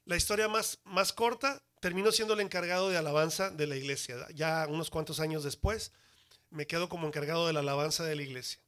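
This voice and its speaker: A man, a church worship leader, telling his personal conversion testimony in an animated way with humorous asides. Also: on the high side, fast talker.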